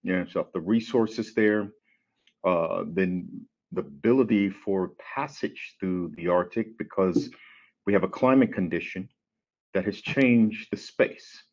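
A middle-aged military officer speaks over a video call from his office, formal but halting, with frequent fillers. His voice sits on the lower side. The audio is dull and lo-fi. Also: a little mellow. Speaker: deputy commanding general. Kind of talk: panel remarks.

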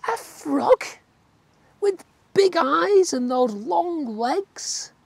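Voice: very slow, creaky, no room sound, heavily acted. A storyteller voicing a stubborn young tadpole who longs to be a bird, speaking eagerly and insistently. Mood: excited. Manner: eager, insistent, high and excited.

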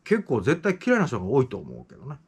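A man's voice: mid-range voice, wildly swooping pitch, fast talker, slightly rough. A man with a Kansai accent, interviewing a young colleague in a joking, teasing way. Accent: Kansai Japanese. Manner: joking, teasing, laughs often. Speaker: interviewer, former company employee. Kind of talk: casual teasing interview chat.

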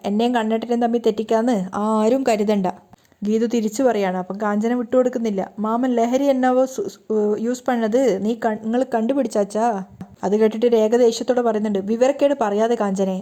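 A woman with a fairly high, mellow voice narrates a fast recap of a TV serial episode, voicing the characters' quoted lines herself.

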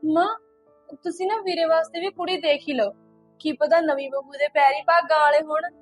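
A woman's voice: high-pitched, fairly even intonation, moderate pace, no room sound, faint music behind, lightly acted. A young woman acting a caring daughter who chats with concern about her brother. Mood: chatty. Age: young adult. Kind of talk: short film dialogue.

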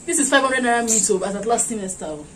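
A woman's voice: a little high, quick pace. A young woman in her twenties with a Nigerian accent, chatting animatedly on her vlog and slipping into pidgin. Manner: animated, laughing, mixing in pidgin. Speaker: vlogger. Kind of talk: casual vlog chat. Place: indoors at a doorway. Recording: noisy background.

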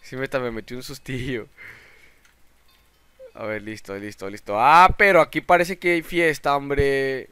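Excitable gamer guy. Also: mid-range voice, unhurried, clean tone, no echo. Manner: excitable, shouts in panic at sudden dangers. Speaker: gaming channel host. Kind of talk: let's play gameplay commentary.

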